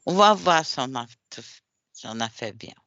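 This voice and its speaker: His voice is fairly high, expressive, and sharp, at a normal speed, with no echo and the highs cut off. He is a Brazilian man whose first language is Portuguese, teaching French online and patiently correcting and repeating students' answers while drilling questions.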